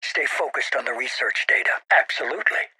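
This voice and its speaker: An actor playing a shadowy middle-aged leader in a video game, cold, calculating and commanding, speaking in a measured, deliberate way. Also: male voice, medium pitch, sharp tone, breathy edge, no echo, exaggerated voice. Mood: firm, controlled. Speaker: head of a secret organisation. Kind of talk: dramatic video game voice acting.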